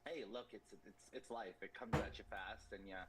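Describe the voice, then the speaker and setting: A man in his thirties answering interview questions earnestly, halting and repeating words. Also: lowish voice, steady tone, very noisy. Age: 30s. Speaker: interview guest.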